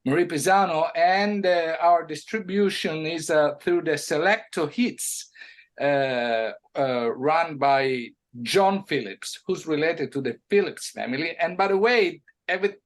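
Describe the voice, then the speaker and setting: A man from Italy with an Italian accent, a music producer talking in a casual interview, halting with many restarts and sudden animated bursts. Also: on the high side.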